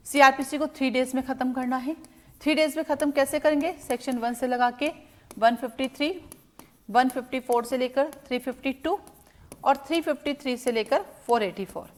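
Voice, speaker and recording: A middle-aged woman from India, a law exam coaching teacher, giving students direct, motherly strategy advice. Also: high-pitched. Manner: addresses students as "beta", direct advising tone.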